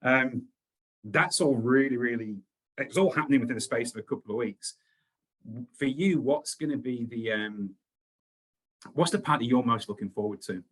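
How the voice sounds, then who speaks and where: A man's voice: mid-range voice, moderate pace, fairly bright tone. A man from Scotland with a Scottish accent blended with Australian, interviewing a guest in a chatty, jokey manner. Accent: Scottish mixed with Australian. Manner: chatty, jokey, laughs easily. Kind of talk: casual interview chat.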